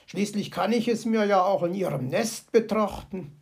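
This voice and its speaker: A woman's voice: on the high side, a little slow, creaky, a little mellow. A woman voicing a grumpy, sardonic male fox in a storybook audio play, grumbling and dryly sarcastic.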